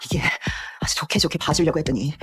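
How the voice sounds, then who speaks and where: An actress voicing a greedy, cruel middle-aged aunt who yells with scorn in a dubbed TV drama. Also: female voice, fast talker, music in the background, natural voice. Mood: scornful, shrill. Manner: shrill, scornful yelling. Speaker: aunt by marriage.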